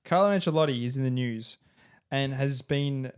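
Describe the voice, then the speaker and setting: A man's voice: mid-range voice, moderate pace, clean tone. An Australian man co-hosting a podcast in casual, joking sports chat. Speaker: podcast co-host.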